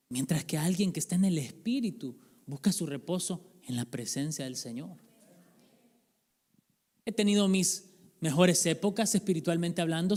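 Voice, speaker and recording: A man's voice: high voice, darkish tone. A male pastor preaching a sermon in a church, in a conversational manner, joking with and questioning the congregation. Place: church sanctuary. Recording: reverberant church hall.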